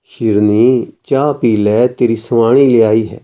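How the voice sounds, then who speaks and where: A man reading the lines of a gentle, saintly male master in a soft, consoling way, as part of a recorded story reading. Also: mid-range voice, fairly even intonation, unhurried, muffled recording, lightly acted. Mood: tender, consoling.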